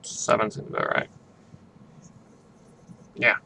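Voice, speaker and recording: A man's voice: takes it slowly, pushed and bright, a little hiss or hum. Rambling, foul-mouthed male streamer. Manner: rambling, profane. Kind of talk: casual chat while drawing on stream.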